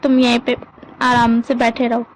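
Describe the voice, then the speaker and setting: A bossy, protective young man who scolds the others and orders them to keep quiet, with a woman giving him voice. He speaks in a high voice and a firm, commanding tone. He is a figure told in a spoken story. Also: completely flat delivery, moderate pace, a little hiss or hum, close to an everyday voice, rough recording. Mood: stern.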